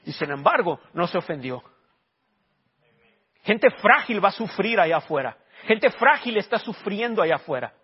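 A man's voice: high-pitched, sing-song, moderate pace, pauses often, husky. A man, preaching a sermon and questioning his congregation in emphatic rising bursts. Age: 40s. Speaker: pastor. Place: church. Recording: dull lo-fi sermon recording.

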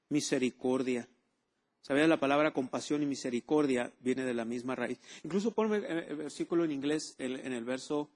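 A man's voice: medium pitch, darkish tone. A man preaching a sermon, repeating key words and asking the congregation for amens. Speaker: pastor.

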